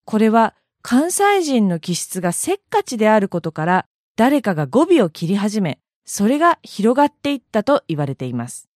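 A woman from the Kansai region with a Kansai accent, hosting an audio blog and narrating a scripted lesson with slow, careful enunciation of example words. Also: medium pitch, very animated, darkish tone, dry recording, clean studio sound. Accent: Kansai Japanese. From Kansai, Japan.

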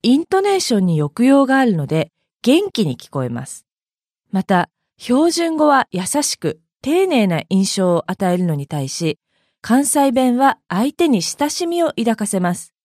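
A woman from Hyogo, Japan, hosts an audio blog and reads a scripted language lesson. She explains each point clearly, with a fairly high voice and a very animated pitch. The sound is dry and close to the mic. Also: a little slow, no room sound. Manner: clear, explanatory, reading examples aloud.

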